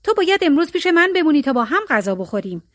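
A woman's voice: high-pitched, big pitch swings, no room sound, studio quality, pitched above the performer's own voice. A woman reading a storybook tale, voicing a selfish, greedy rich male landlord who schemes and gives orders. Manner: scheming, eager and commanding.

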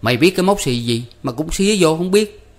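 A man voicing a gruff young village man who grumbles bluntly, with a Southern Vietnamese accent. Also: on the high side, expressive, a little fast, voice pushed up, close to an everyday voice. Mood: scornful.

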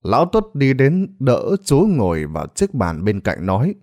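A man's voice: mid-range voice, huge pitch swings, moderate pace, a little mellow. A man reading a ghost story aloud in a dramatic storytelling manner. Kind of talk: scripted narration.

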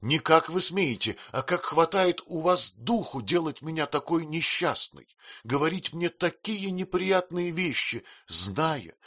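A man voicing an emotional, tearful young widowed mother, in a high, plaintive, pleading voice. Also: a bit bright.

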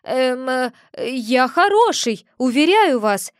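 A well-mannered, frightened man, as a woman reads him begs and whines to be freed. The voice sits high and pleading, recorded dry and close. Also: expressive, unhurried, no room sound. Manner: pleading, whiny, courteous. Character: polite, frightened young man trapped underfloor.

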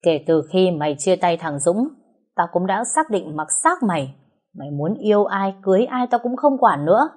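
A woman voicing a furious, domineering older father who shouts harsh commands. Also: lowish voice, expressive, moderate pace. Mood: stern.

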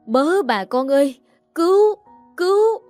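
Grieving old granny from the south, pleading and wailing, warm soft tone, a lady reading her part. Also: mid-range voice, normal speed, no echo, soft background music, lightly acted. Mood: desperate wailing. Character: grieving old village grandmother, poor-sighted.

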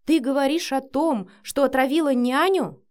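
A woman's voice: high-pitched, moderate pace, pitched above the performer's own voice, close to an everyday voice. A woman voicing a short-tempered adult father in an audiobook, speaking curtly and giving orders. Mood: horrified. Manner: curt, commanding, flares into shouting. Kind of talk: audiobook character voice.

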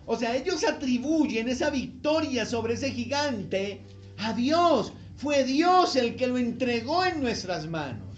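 Animated pastor preaching, big swings in loudness. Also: male voice, slow, muffled recording, soft background music. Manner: animated, swings from loud emphatic calls to low quiet asides; leads the congregation in call-and-repeat. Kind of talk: sermon.

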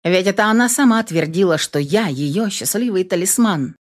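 Female audiobook narrator, first-person prose, expressive and lively, middle pitch. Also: moderate pace.

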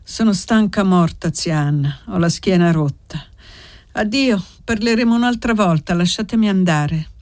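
A woman's voice: lowish voice, moderate pace, darkish tone, dry recording, studio quality, lightly acted. A woman voicing a frightened young village girl on the run. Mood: weary. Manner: anxious, breathless pleading.

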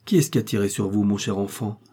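A man voicing a stout, excitable innkeeper's wife who talks loudly and emphatically. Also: on the low side, fast, breathy edge. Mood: anxious. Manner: loud, emphatic, exclaiming.

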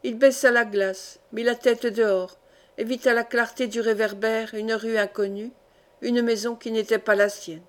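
A woman reading a classic fantasy novel aloud as a measured, even audiobook narration. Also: fairly high pitch. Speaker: audiobook reader.

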